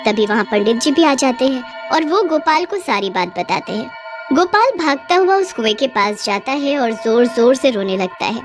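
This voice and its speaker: A woman narrating a cartoon bedtime story in an even storytelling manner. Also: on the high side, normal speed, over music.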